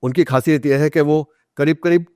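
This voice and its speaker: A middle-aged Indian man, an author appearing as a guest on a podcast, tells anecdotes and explains things in a relaxed, conversational way, slipping in English phrases. His voice is fairly high and a little mellow, with fairly even intonation and a moderate pace. The recording is dry and clean, with studio quality.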